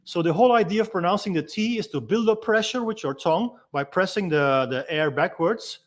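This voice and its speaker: A man's voice: sits high, expressive, brisk. A man teaching as a freediving instructor, patiently explaining step by step and demonstrating the sounds himself. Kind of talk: instructional walk-through.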